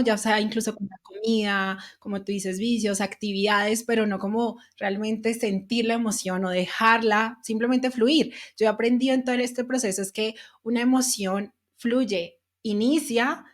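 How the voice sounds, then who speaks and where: A woman hosting a podcast, speaking in a reflective, calm conversational way. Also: on the high side. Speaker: podcast host. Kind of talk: conversational interview.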